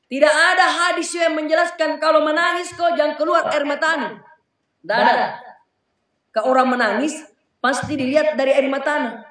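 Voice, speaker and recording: A male preacher with a South Sulawesi accent giving a casual, animated sermon and addressing the congregation directly. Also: extremely high pitch. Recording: echoey hall, voice far from mic.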